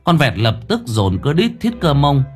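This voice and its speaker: A man's voice: a little high, wildly swooping pitch, normal speed, soft background music. A man narrating a comic audio story playfully.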